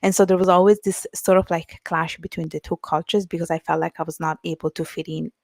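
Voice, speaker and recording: A woman from Italy speaks English with an Italian accent, her voice lowish and gravelly with plenty of fry. She talks as an interview guest in a reflective, unhurried way, leaning on little fillers as she thinks. The sound is close and dry. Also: flat delivery, darkish tone, no echo. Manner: reflective, with many fillers like "you know" and "like". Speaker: author and guest. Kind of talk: casual interview talk.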